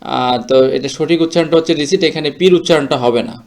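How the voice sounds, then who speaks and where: A man teaching English word pronunciation in a slow, explanatory way, mixing English words into his talk. English is not his first language; his first language is Bengali. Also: a little high, darkish tone. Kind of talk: explanatory lesson.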